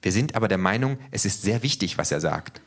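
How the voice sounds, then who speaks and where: A curt male office assistant, as a man puts him on, speaks in a low, matter-of-fact voice. He is dry and dismissive in a read-aloud storybook. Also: expressive, brisk, fairly bright tone.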